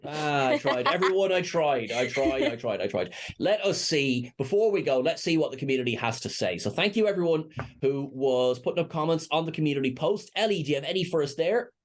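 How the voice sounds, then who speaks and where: A man's voice: fairly high pitch, animated, fairly quick. Rambling, jokey male host. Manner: rambling, stammering restarts, jokey. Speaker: podcast host. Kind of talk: casual chat.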